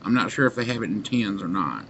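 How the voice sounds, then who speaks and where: A middle-aged man chatting casually to camera as a reviewer, halting and pausing often, recorded on a webcam mic in a small room. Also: lowish voice, expressive, vocal fry, a bit bright. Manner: halting, unhurried delivery with long pauses. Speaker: pipe tobacco reviewer. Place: small dim room indoors. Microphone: webcam or computer mic at arm's length. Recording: muffled webcam sound with background noise.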